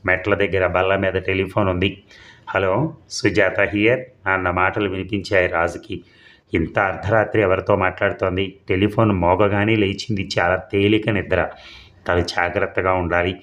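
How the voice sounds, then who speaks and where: A man's voice: sits low, little pitch movement, moderate pace, fairly bright tone. A man narrating a suspense serial as an audiobook, reading steadily and briefly voicing the characters' lines.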